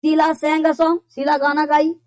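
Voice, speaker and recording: A woman teaching an online English class. She repeats key points, reads English examples slowly and keeps checking that students follow. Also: high-pitched, flat delivery, poor audio. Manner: repetitive, keeps checking understanding.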